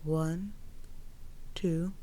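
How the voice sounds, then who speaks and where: A woman counting out breaths for a guided breathing exercise, in a soft, measured voice with evenly spaced numbers. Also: sits low, steady tone, low-quality recording. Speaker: tarot channel host leading a breathing exercise.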